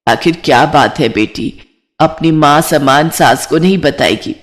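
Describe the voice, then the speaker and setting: A woman's voice: low voice, a little slow, voice pushed down. A woman voicing a kind middle-aged mother-in-law who talks in a soothing, motherly way.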